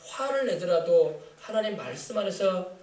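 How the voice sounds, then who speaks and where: A man's voice: high voice, animated, normal speed, darkish tone. A man preaching a sermon as pastor, emphatic and colloquial, tossing rhetorical questions to the congregation. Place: church sanctuary. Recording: echoey church from far off.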